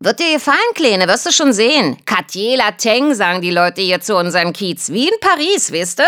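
A woman's voice: mid-range voice, very animated, moderate pace, voice pushed up. A woman doing a bubbly, trumpeting blonde landlady. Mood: gushing. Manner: loud, chirpy, trumpeting.

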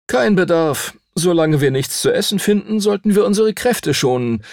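A man's voice: sits high, animated, moderate pace, a little mellow, dry recording, studio quality, voice pushed up. A male audiobook narrator voicing a sensible boy who turns others down coolly. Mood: dismissive. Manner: cool and dismissive. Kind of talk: audiobook character voice.

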